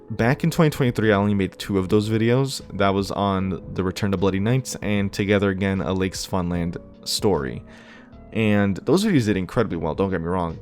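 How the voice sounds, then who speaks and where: Low-voiced man talking casually over music. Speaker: gaming YouTuber. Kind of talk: casual reflective thank-you talk to viewers. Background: background music.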